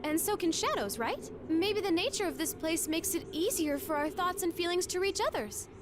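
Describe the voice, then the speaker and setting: A woman's voice: very high-pitched, lively intonation, moderate pace. An actress playing a perky, bossy teenage girl teammate in a video game. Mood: explaining. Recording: noisy background.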